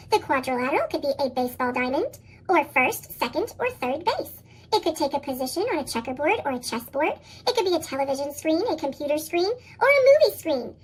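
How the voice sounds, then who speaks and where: Here a storybook reader reads children's picture books aloud with a bouncy sing-song lilt. A chipmunk-like effect speeds up the voice and pushes the pitch high.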